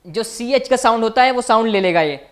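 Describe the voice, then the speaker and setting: A man's voice: very high-pitched, lively intonation, a little fast. A man teaching as a language teacher in a recorded online lecture, patiently repeating each point and asking his viewers questions.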